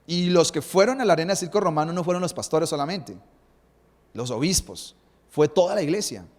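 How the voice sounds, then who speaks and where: A man's voice: fairly high pitch, lively intonation, fairly quick, a little mellow, big-room sound. A male pastor, preaching a sermon and asking the congregation rhetorical questions.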